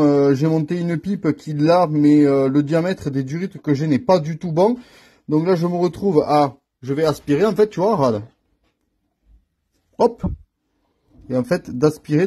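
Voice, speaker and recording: A fairly high-pitched man with a husky edge to his voice, recording himself on a phone in his home workshop. He talks casually and directly to the viewer, filling pauses and thinking out loud as he tinkers. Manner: chatty, talks straight to the viewer, thinks aloud with fillers. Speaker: scooter mechanic vlogger. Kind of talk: casual how-to vlog. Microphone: phone filming himself.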